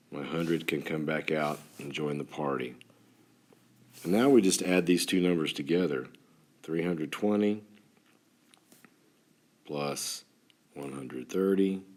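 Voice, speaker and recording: A man's voice: very deep voice, takes it slowly, pauses often. A man from West Texas with a West Texas twang, teaching an informal lesson in a folksy way, as if to a class of children. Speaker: school teacher. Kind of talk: instructional math lesson for students, informal.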